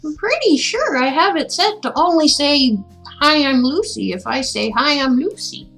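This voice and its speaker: On a poor-quality recording with soft music underneath, a high-pitched woman hosts a livestream where she reads classic tales aloud. Her reading is measured and expressive, and between stories she drops into playful, chatty asides.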